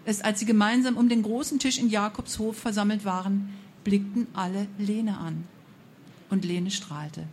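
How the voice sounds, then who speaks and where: A woman's voice: mid-range voice, moderate pace, a little hiss or hum. German woman telling a fairy tale. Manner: expressive, slips and self-corrections. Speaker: storyteller. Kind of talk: fairy tale read aloud.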